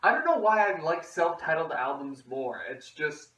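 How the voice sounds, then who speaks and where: Echoey young man, higher-pitched, rambling vlogger. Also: big pitch swings, normal speed, fairly bright tone. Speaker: host of a music collection video series. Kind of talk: casual vlog chat to camera. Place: echoey indoor room. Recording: very echoey room, distant mic.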